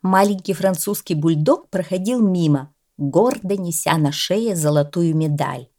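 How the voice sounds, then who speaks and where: A woman narrating a children's animal story in a measured, expressive way. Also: lowish voice.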